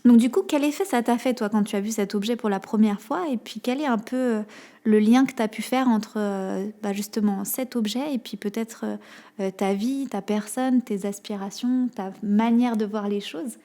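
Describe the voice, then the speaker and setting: A woman's voice: fairly high pitch, normal speed, dark tone. A woman hosting a podcast interview who asks her guest questions, with a few fillers. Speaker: podcast host.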